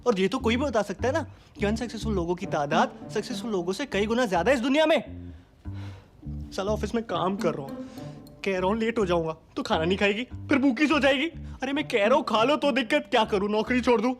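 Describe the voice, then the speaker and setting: A man's voice: sits high, fast talker, soft background music, close to an everyday voice. An actor as an exasperated young man ranting. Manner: ranting, sarcastic, venting to a friend. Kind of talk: film monologue.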